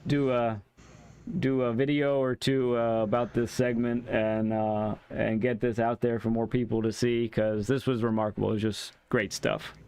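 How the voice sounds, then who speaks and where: Male gaming stream host, smooth clear voice at average pitch, casual and slightly halting. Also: little pitch movement, warm tone. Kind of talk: casual live stream chat.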